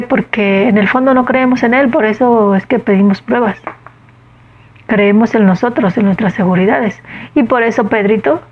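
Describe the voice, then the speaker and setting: A woman's voice: medium pitch, husky, dull audio. A woman giving a conversational Gospel reflection, often asking her listeners questions. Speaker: preacher.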